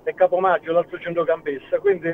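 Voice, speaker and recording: A man, a football club president, speaking over a phone line in a halting way with frequent restarts. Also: on the high side, level tone. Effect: heard over a phone line. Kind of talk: phone-in interview. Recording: tinny phone line with faint noise.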